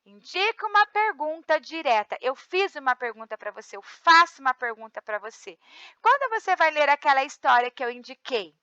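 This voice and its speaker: A woman's voice: high-pitched, big pitch swings, normal speed, bright, forceful tone, no echo, dull audio. A Brazilian woman teaching a recorded class, reading the textbook aloud and often checking in with her students. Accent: Brazilian Portuguese. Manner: reads textbook aloud, checks in with frequent tag questions. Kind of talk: recorded remote class lesson.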